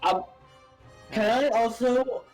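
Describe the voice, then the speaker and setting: A woman's voice: on the high side, little pitch movement, slow pace, music in the background, poor audio. A woman playing a tabletop game, asking rule questions and correcting herself. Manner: unsure, asks rule questions, self-correcting. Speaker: player. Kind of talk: casual chat at the gaming table.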